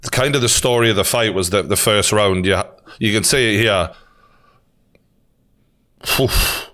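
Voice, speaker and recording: A man's voice: on the low side, measured pace, sharp tone. A man with a Newcastle Geordie accent giving casual reaction commentary as a host, in a blunt, opinionated, sweary and matey way. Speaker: YouTube host and boxing commentator.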